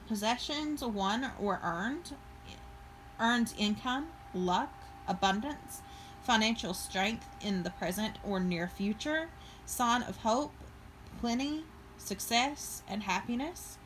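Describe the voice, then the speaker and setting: A woman's voice: fairly high pitch, fairly bright tone, a little hiss or hum, poor audio. A woman giving a casual tarot reading to her viewers, chatty and thinking aloud with fillers and restarts. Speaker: tarot reader.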